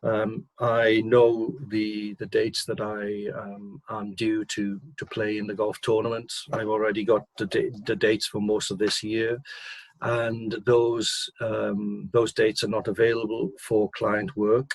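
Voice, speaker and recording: An older man, a managing director, answering interview questions in a measured, hesitant way, clearing his throat between points. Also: on the low side, monotone, no room sound, low-quality recording.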